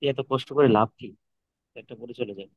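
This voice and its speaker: A man's voice: mid-range voice, a little fast, no echo, narrow, tinny audio. A man, a student in a class, asking brief questions and answering the tutor.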